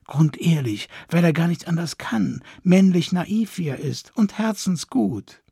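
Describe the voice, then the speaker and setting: A sweet, naive young noblewoman speaks in a fluting, cheerful manner, as a male reader puts her on. The voice underneath is gravelly and dry, recorded close. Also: fairly high pitch, lively intonation, unhurried, dark tone, no room sound, pitched above the performer's own voice, exaggerated voice. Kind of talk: audiobook character voice.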